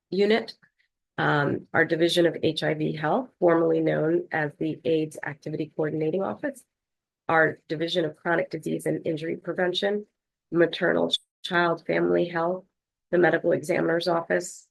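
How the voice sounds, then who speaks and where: Low, gravelly woman presenting on a call. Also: low-quality recording. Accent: Philadelphia. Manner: measured, with frequent fillers. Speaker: health department leader presenting to a board. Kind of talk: formal online meeting presentation.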